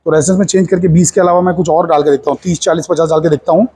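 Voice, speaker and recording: A man's voice: on the high side, fairly even intonation, racing, creaky, dark tone, slightly rough. A man teaching a physics lab in Hindi mixed with English, with an Indian accent. He explains step by step and keeps checking that the class follows. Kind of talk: hands-on lab demonstration.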